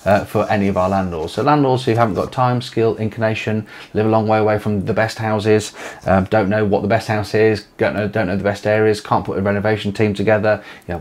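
A man in his forties with an East Midlands English accent talks casually to camera in a small home office. His voice sits on the low side, and he rambles with plenty of fillers and false starts. The sound is close, from a desk-distance camera. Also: a little mellow. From England. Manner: rambling, filler-heavy, restarts often. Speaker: letting agency owner.

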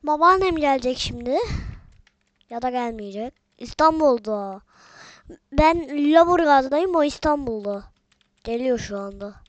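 Woman, high voice, casual gameplay chatter at home, very dry sound. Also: animated, a little slow, long pauses, dry recording. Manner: chatty, often addresses viewers as friends. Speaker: gaming video maker.

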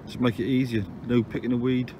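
On an open seaside beach, a man from England fishes while filming himself on a handheld phone, keeping up a casual, matter-of-fact running commentary peppered with dry grumbles. His mid-range voice is a little fast with little pitch movement, and surf and wind fill the outdoor phone audio.

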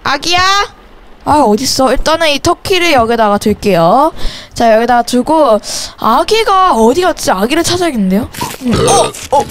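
A young woman casually commenting while she plays a game, chatty and given to loud startled exclamations and playful scolding. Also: sits high, lively intonation, moderate pace, slight background noise. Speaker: game streamer.

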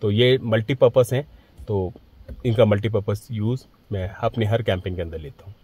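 A man's voice: lowish voice, normal speed, darkish tone, slightly rough, no echo, distant mic, low-quality recording. A middle-aged man explaining, in a practical way, how he built his small camper van, recorded outdoors on a hillside. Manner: practical, explanatory, gestures while talking. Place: outdoors on a grassy hillside beside a small car. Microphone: camera at a few metres.

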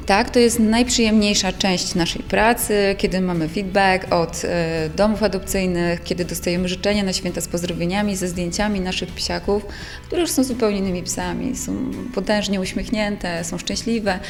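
A woman's voice: mid-range voice, fairly even intonation, normal speed, soft background music. A woman speaking informally in an interview as an animal shelter manager.

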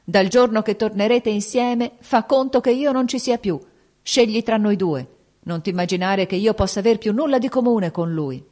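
In an audiobook, a harsh domineering old baron hurls scornful rebukes at his daughter, as a woman reads him. His voice runs high and loud, straining upward as his temper flares. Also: animated, normal speed, lightly acted. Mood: angry. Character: furious older nobleman father, harsh and domineering. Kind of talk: audiobook character reading.

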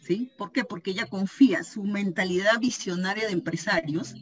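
A woman giving an informal training talk on a video call, telling lively anecdotes and acting out the voices of the people in them. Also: medium pitch, normal speed, slightly rough. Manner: animated storytelling, acting out quoted voices, frequent "¿sí?" check-ins. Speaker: cooperative store member giving a training talk.

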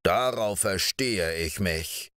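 A man voicing a greedy, menacing man-eating giant in a storybook reading, speaking low and slowly. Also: fairly bright tone, no room sound, studio quality. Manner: low, slow and sniffing.

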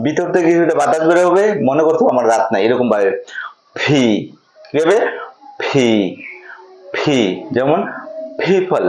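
A man's voice: on the high side, reverberant, poor audio. A man teaching English letter pronunciation, repeating each point and quizzing his listeners before answering. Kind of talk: classroom lesson.

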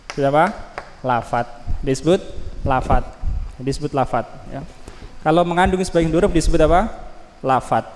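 A man's voice: a little high, a little mellow, in a large hall, poor audio. A man teaching a grammar class, repeating key terms and quizzing his students. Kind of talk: classroom lesson.

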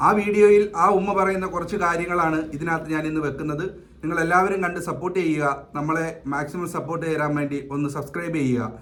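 A man's voice: a little high, steady tone, quick pace, fairly bright tone. Earnest Malayali man hosting a video. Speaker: channel host. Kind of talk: scripted video intro.

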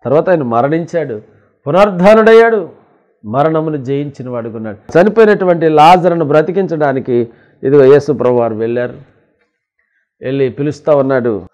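A man who is a pastor, preaching a sermon with emphatic swings from loud, high scripture quotes to low asides, calling his listeners children of God. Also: dull audio. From India.

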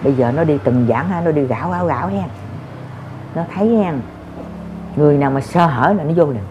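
A woman gives spiritual advice in a casual talk, calmly reassuring her listeners and repeating her points in a homely way. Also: low-pitched, brisk, muffled recording, noisy background. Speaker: spiritual adviser.

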